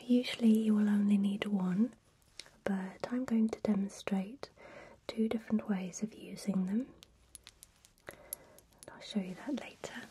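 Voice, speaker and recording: A woman speaking in a soft, breathy whisper, giving a calm ASMR tutorial as a spa technician. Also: mid-range voice, unhurried, a little hiss or hum.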